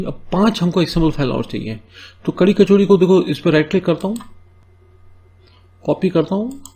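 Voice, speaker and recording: A man's voice: fairly high pitch, vocal fry, darkish tone, breathy edge. A man teaching a coding tutorial, explaining each step and often checking in with "है ना?". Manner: explains step by step, keeps asking "है ना?"; reads English task notes slowly between Hindi explanations. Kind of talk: screen-recorded coding tutorial.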